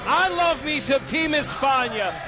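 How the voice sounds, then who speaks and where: High-pitched emphatic man calling wrestling. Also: lively intonation, measured pace. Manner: emphatic, often raises voice to a shout. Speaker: wrestling play-by-play commentator. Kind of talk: live wrestling commentary. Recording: event music behind the voice.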